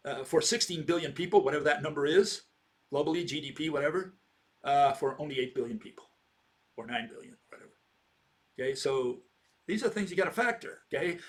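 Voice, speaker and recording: In a slightly high voice, a man in his sixties rambles through an informal lecture, asking rhetorical questions and checking in with "okay?"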